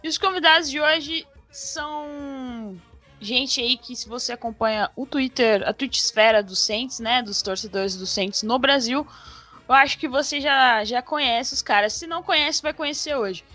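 A woman's voice: high voice, normal speed, bright, forceful tone, soft background music. A woman from Brazil hosting a casual sports podcast, chatty and informal. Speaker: podcast host.

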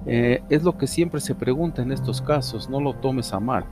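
A man's voice: medium pitch, moderate pace, pitched above the performer's own voice, lightly acted. A man voicing a pompous, formal old male cat who gives orders, in a storybook reading. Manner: formal, commanding. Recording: music under the reading.

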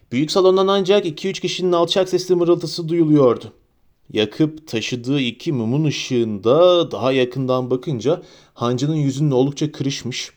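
A man reading a fantasy audiobook aloud in a slow, deliberate storytelling manner. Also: fairly high pitch, darkish tone. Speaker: audiobook reader. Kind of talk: scripted narration.

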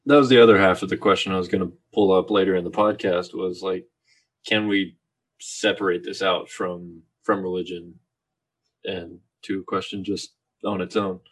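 A man's voice: low voice, moderate pace, slightly rough. A man hosting a casual podcast, asking loose, rambling questions. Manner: relaxed, asks rambling questions. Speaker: podcast host.

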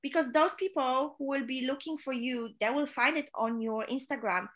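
As an interview guest, a chief stewardess from Poland offers sincere, straightforward career advice in Polish-accented, non-native English, often filling pauses with filler sounds. She has a high, fairly bright voice and talks at a normal speed.

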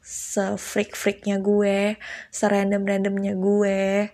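A woman's voice: medium pitch, monotone, slow, mellow. A young woman, chatting casually and confessionally to her viewers, slangy, laughing often. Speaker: vlogger.

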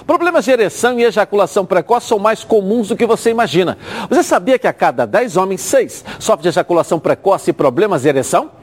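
A man's voice: big pitch swings, fast talker. A man with a Brazilian Rio accent reading a hard-sell ad as a TV sports host, in an emphatic, urging manner. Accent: Brazilian, Rio de Janeiro. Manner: emphatic, urging sales pitch.

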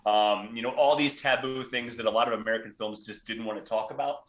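Male podcast guest, forties, rambling and self-deprecating, bright voice, roomy echo. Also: medium pitch, steady tone, fast talker. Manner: rambling, enthusiastic, self-deprecating, frequent restarts. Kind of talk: casual podcast chat.

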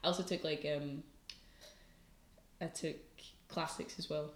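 Unhurried and level in tone, a young woman with a low-pitched voice and a light Scottish accent talks as a student guest on a casual podcast. She laughs often and uses lots of fillers, and the recording is reverberant.

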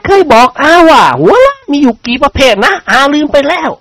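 A man's voice: very high-pitched, big pitch swings, brisk, a bit bright, no room sound, pitched above the performer's own voice, full character voice. A man voicing a bashful, grumbling older nobleman who heads the household. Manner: grumbling, self-mocking.

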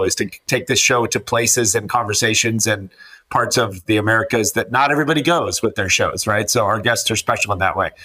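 A man's voice: mid-range voice, sharp tone. A man hosting a podcast, chatting casually in an upbeat, teasing way and reading out a guest's biography. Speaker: podcast host.

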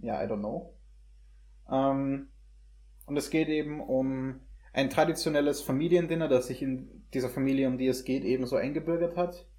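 A young adult man hosts a laid-back film review, speaking at normal speed in a mid-range voice with a darkish tone. He pauses to search for words and blends English slang into his hesitant speech.

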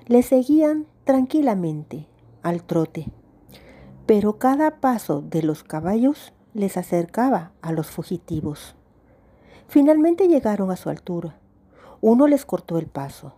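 A woman narrating a story aloud in a calm, measured storytelling manner. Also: medium pitch, breathy edge. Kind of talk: audiobook story reading.

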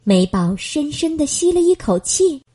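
Lady reading a kids bedtime story, gentle, slow, lots of melody. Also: high voice, sing-song.

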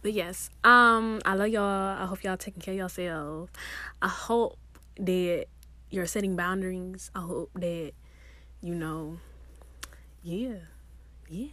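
Young woman, solo podcast host: bright tone, dry close mic, loose playful chat. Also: on the low side, slow, pauses often, dry recording. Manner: chatty, playful, self-mocking, trails off often.

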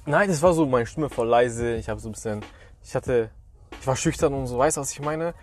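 A man's voice: medium pitch, fairly quick. A young man co-hosting a podcast, telling rambling stories in a casual, slangy way. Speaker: podcast co-host. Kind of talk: casual chat.

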